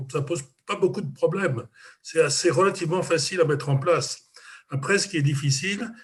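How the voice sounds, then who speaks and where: A man speaking in a group discussion, measured, often repeating words while he thinks. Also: medium pitch. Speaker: club member in a discussion. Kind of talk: casual discussion.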